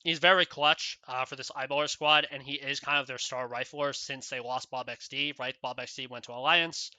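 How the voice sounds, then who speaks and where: A man's voice: mid-range voice, fairly even intonation, moderate pace, bright, forceful tone, smooth, dry recording. A man giving rambling solo esports commentary, casual, with many fillers and "right?" tags.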